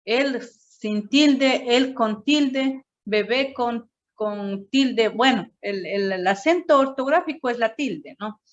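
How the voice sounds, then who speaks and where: A woman teacher explaining a grammar point slowly to a class, checking in with "no?" after each point. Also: fairly high pitch, lo-fi sound. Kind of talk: classroom teaching, correcting a student presentation.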